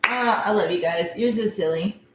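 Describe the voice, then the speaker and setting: A woman's voice: medium pitch, normal speed. Chatty woman reading tarot live. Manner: chatty, casual, laughs often and talks to viewers. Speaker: tarot reader. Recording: echoey room with faint noise.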